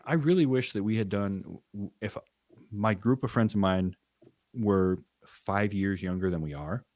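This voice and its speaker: A man talking as a podcast guest, rambling and animated as he tells stories. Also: fairly low pitch, unhurried, no echo, clean studio sound. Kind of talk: casual chat.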